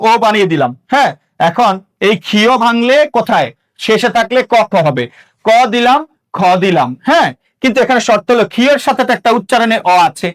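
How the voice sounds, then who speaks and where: High-voiced man teaching, quizzing himself. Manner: repetitive, asks and answers his own questions. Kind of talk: exam-prep grammar lesson.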